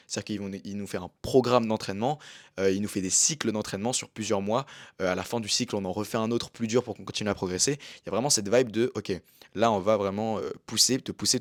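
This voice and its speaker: A man's voice: fairly low pitch, no echo, clean studio sound. A young man in casual chat about his gymnastics training, talking in a slangy, rambling way with many fillers. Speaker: vlogger and amateur gymnast.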